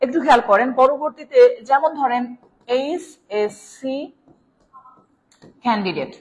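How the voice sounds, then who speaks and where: A woman's voice: on the high side, a little fast. Bangladeshi woman teaching grammar live. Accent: Bangladeshi Bengali. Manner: explanatory, checks in with "right?", addresses viewers as "sir". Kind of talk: live online class. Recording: long reverb.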